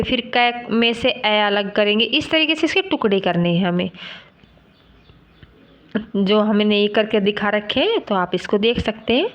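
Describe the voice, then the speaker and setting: A woman's voice: a little high, a bit bright, lo-fi sound. A woman teaching a grammar lesson, patiently explaining and sounding out letters one by one.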